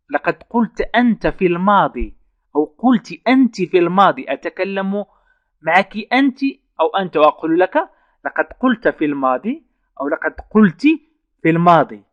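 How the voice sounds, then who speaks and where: Man slowly teaching French verbs. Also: high voice, animated, no room sound, highs cut off. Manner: slow, repeats French phrases word by word. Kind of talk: online language lesson.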